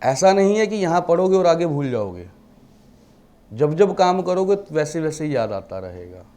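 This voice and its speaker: A man's voice: fairly high pitch, big pitch swings, moderate pace, mellow. A man teaching a class, mixing English terms into his Hindi and asking the class rhetorical questions. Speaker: vastu teacher. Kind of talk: classroom lecture.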